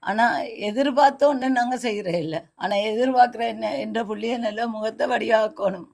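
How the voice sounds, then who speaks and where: A woman's voice: a little high, moderate pace, creaky, darkish tone. A middle-aged woman with a Sri Lankan Tamil accent, a mother earnestly and plaintively describing her family's hardship at home. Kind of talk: emotional personal account.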